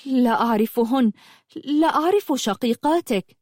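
A woman voicing a brave young female warrior in a storybook reading, speaking in an earnest, defiant manner with a raised pitch. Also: expressive, moderate pace, darkish tone, no echo, studio quality. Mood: unsure.

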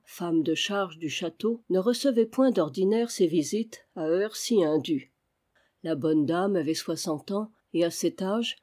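A woman narrating a classic adventure novel aloud in a measured, expressive reading. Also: fairly low pitch. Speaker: audiobook reader.

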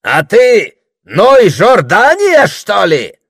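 A man voicing a threatening young male armed raider in an audiobook, loud and menacing. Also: sits high, wildly swooping pitch, very slow, husky, dry recording, clean studio sound, pitched above the performer's own voice, full character voice.

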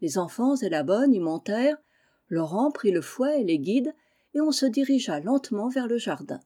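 A woman reading a children's novel aloud in a measured, clear way. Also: fairly high pitch, very animated, mellow. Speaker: reader. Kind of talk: storybook narration.

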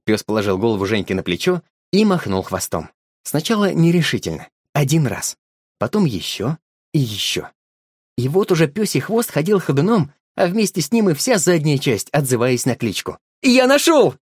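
A man narrates a children's audiobook with expressive, lively storytelling. His voice sits a little high and his melody moves a lot. The recording is dry and close with no room sound. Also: moderate pace, breathy edge, no echo.

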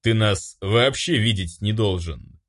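Male reader doing an angel warrior: low, slow, cold, commanding. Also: fairly bright tone.

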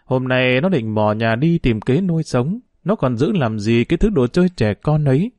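A man narrating a novel as an audiobook, in a steady, measured storytelling voice. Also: medium pitch, no room sound. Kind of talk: audiobook reading.

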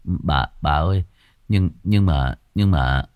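A man's voice: deep voice, takes it slowly, darkish tone, clear, resonant tone, no room sound, voice pushed down. A man voicing a timid young farm servant who stammers meekly. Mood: frightened. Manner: meek, stammering.

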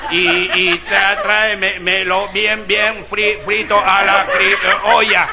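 A man's voice: high voice, little pitch movement, slow pace. A man voicing a stuttering restaurant customer who gets stuck on syllable after syllable. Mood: stammering. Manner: heavy stutter, repeats syllables.

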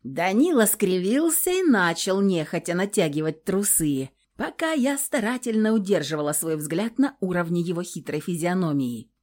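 A woman narrating a first-person story aloud with a lively, sarcastic delivery. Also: on the low side, moderate pace, few pauses. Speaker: audiobook narrator.

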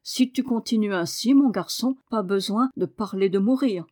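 A woman reading a gentle, puzzled doctor. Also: mid-range voice, moderate pace, lightly acted. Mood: soothing. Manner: gentle and reassuring. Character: kindly, puzzled male country doctor. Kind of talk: audiobook reading.

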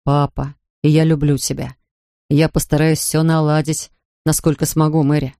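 A narrator voicing a grieving father who talks softly, slowly and tenderly to his daughter. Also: little pitch movement, no echo, clean studio sound, lightly acted. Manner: soft, low and slow, pleading. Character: grieving gentle father, a big man. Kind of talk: audiobook character voice.

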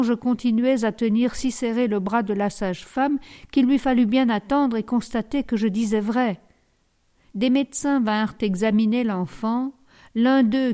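A woman narrating a novel in the first person as an audiobook, in a measured, sober way. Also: on the high side, mellow.

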